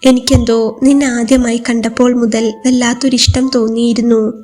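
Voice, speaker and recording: Woman voicing a gentle young man lover. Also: very high-pitched, normal speed, faint music behind. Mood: tender. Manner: soft, steady, reassuring.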